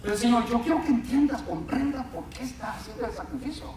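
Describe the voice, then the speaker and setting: A man's voice: very high voice, fast. A man preaches to his congregation and tells vivid personal stories. His voice rings through a very reverberant church hall, a little far from the microphone. A faint room hum stays underneath. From Latin America. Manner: storytelling, animated, addresses listeners as brother. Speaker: pastor. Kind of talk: sermon. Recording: echoey hall mic, speaker off-mic at times.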